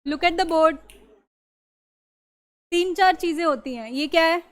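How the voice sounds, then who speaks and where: A woman with a very high-pitched voice speaks slowly while teaching a grammar lesson in a classroom. She blends Hindi with English and keeps asking her students whether it is clear, frequently checking that they understand.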